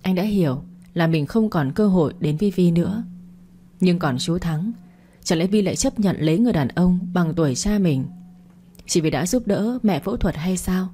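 A woman narrating an audio story in a steady, dramatic storytelling manner. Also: on the low side, moderate pace. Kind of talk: scripted narration.

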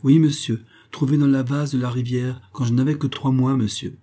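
A man reading aloud and voicing an eager, quick-talking little foundling boy in a storybook. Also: medium pitch, steady tone, warm tone, pitched above the performer's own voice, close to an everyday voice. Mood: eager, polite.

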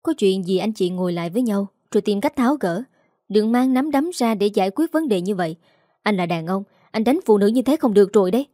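A woman voicing a male neighbor who reasons and calms a quarrel. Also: mid-range voice, brisk, no echo, studio quality, close to an everyday voice. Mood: reasoning. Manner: soothing, reasoning. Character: calm older male neighbor, peacemaker.

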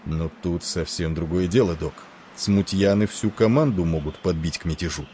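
A man's voice: low voice, normal speed, warm tone, slight background noise, close to an everyday voice. A man voicing a stern, curt male ship captain in an audiobook. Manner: curt and irritable.

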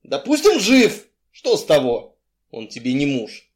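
A male reader playing a sly, gruff crime boss who mocks and blusters when pressed. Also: fairly high pitch, wildly swooping pitch, measured pace. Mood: mocking, blustering. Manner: mocking, blustering, evasive.

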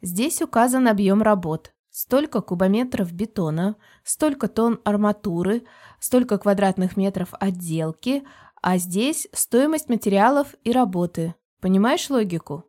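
A woman reading an audiobook voices a tough middle-aged businesswoman aunt who speaks firmly and briskly. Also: medium pitch, animated, warm tone. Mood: assertive. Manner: firm, brisk, matter-of-fact. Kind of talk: audiobook character voice.

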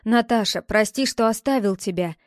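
Audiobook role: a woman voicing a young man, a pleading ex who turns curt, in a fairly high, dry-sounding voice. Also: normal speed, no room sound, close to an everyday voice. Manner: pleading, then curt and defensive. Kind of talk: audiobook character reading.

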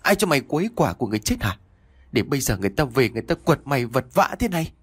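A man's voice: medium pitch, lively intonation, normal speed, slightly rough, dry recording, voice pushed up. A man voicing a scolding older village mother in a storybook ghost tale, talking in a raised voice. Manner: scolding, wailing.

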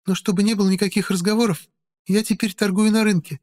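A male narrator voicing a young woman, flustered and proud, in a strained high falsetto in an audiobook. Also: fairly even intonation, fast talker, darkish tone, no room sound, clean studio sound, natural voice. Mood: firm.

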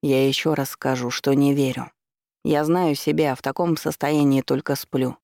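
A man's voice: mid-range voice, fairly even intonation, normal speed, creaky, a little mellow, no echo, clean studio sound, natural voice. A man voicing a blunt, irritated young man who speaks in a curt, dismissive way.

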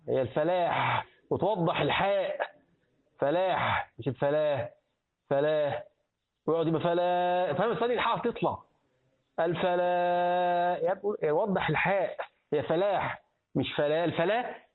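A man's voice: fairly high pitch, breathy edge. A middle-aged man with an Egyptian accent, giving a religious lesson as a sheikh, who repeats words aloud and quizzes his listeners. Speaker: sheikh teaching hadith and jurisprudence. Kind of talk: religious lesson, colloquial explanation. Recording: tinny phone-like recording.

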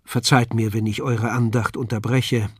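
A man's voice: medium pitch, little pitch movement, normal speed, darkish tone, husky, no echo, clean studio sound, lightly acted. A man reading an audiobook, voicing an earnest, kind young journeyman who speaks with urgency. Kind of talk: audiobook character voice.

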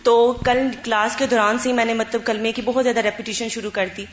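A woman's voice: on the high side, flat delivery. A woman student chatting about her own experience in class, with many fillers. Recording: echoey room, muffled, faint hum.

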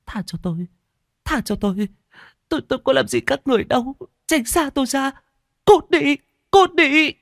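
Guy doing a young woman freaking out about a ghost, squeaky high voice, stammers, begs. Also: expressive, normal speed, gravelly, a bit bright, no room sound, clean studio sound, exaggerated voice. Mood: terrified pleading. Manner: shrill, pleading, stammering in panic.

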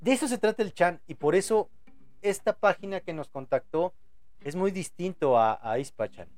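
A young man with a Mexican accent and a high voice rambles through a live podcast chat, looping on repeated words and crude slang. Faint music plays underneath. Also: a little mellow. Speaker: podcast host.

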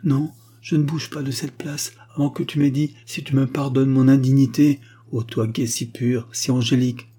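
Un homme jouant une mère noble repentante. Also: male voice, mid-range voice, level tone, moderate pace, hardly any pauses, dark tone, breathy edge, pitched above the performer's own voice, close to an everyday voice. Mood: earnest. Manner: earnest, confiding. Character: aristocratic mother, remorseful and tender. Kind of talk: audiobook reading.

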